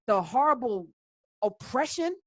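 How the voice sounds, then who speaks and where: An American woman hosts a call-in debate, talking conversationally but assertively, challenging callers and repeating points for emphasis. Her slightly high voice is very animated yet unhurried, recorded at studio quality with no echo.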